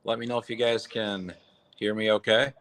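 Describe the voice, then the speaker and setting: A livestream host talks from an echoey barn into a phone or app microphone, casual and rambling, raw and blunt. His fairly low voice shows little pitch movement and has a fairly bright tone, and he keeps a moderate pace.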